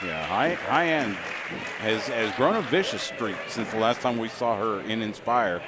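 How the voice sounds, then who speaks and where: A man's voice: lowish voice, lively intonation, measured pace. A man giving live color commentary on a pro wrestling match as the second commentator. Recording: noisy venue with crowd behind. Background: crowd noise.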